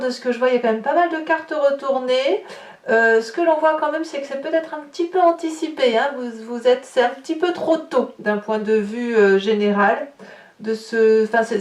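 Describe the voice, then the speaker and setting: A woman with a French accent giving a chatty tarot reading to her viewers, full of fillers and restarts. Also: a little high. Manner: talkative, many fillers and restarts. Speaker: tarot reader. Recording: echoey room, voice a bit far from the mic.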